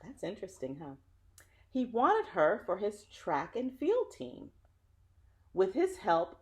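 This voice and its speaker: With a mid-range voice, a woman reads a children's story aloud in a teacher-like way. Her phrasing is dramatic, and she addresses her young listeners engagingly.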